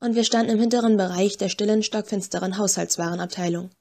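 A woman's voice: mid-range voice, steady tone, fast, warm tone. Woman narrating a tense audiobook. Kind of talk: first-person scripted narration.

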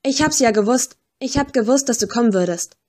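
A woman's voice: on the high side, normal speed, darkish tone, close to an everyday voice. A woman voicing a frightened, grieving young woman who pleads urgently. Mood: pleading upset. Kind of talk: audiobook character voice.

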